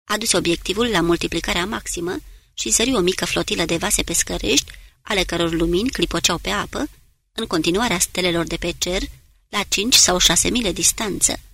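Gravelly-voiced woman narrating an audiobook. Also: lowish voice. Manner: steady, measured reading of prose. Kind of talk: scripted narration.

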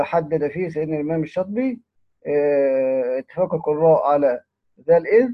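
An Egyptian man with a somewhat high voice gives a recorded lesson. He explains step by step, slowing down to draw out each quoted verse and asking his listener questions. The sound is narrow and tinny, like a phone line. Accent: Egyptian Arabic. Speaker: teacher of Quranic recitation.

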